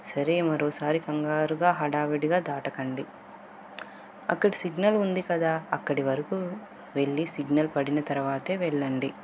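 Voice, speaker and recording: A woman voicing a friendly, teasing young man in an audio love story, in her own low voice. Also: fairly even intonation, normal speed, darkish tone, slight background noise, close to an everyday voice. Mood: scolding.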